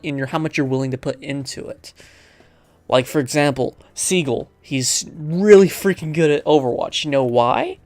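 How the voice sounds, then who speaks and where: A let's player reads a visual novel aloud, stumbling over the text and drifting into rambling asides as gaming commentary. The voice is medium-pitched and the recording has no room sound.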